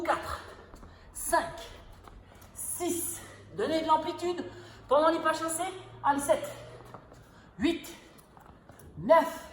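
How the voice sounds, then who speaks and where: A woman fitness instructor leading a workout, counting reps and calling out cues with energetic encouragement, a little breathy from exertion. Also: high voice. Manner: energetic, encouraging drill calls. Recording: echoey room, noticeable background noise.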